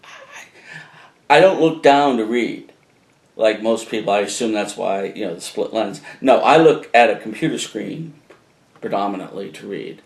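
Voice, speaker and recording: A man's voice: lowish voice, animated, moderate pace. A man with a New England accent talking casually to a camcorder at home, rambling and chatty with lots of fillers and asides. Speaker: musician video blogger. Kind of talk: casual talk to camera. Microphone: camcorder microphone. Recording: roomy echoey room.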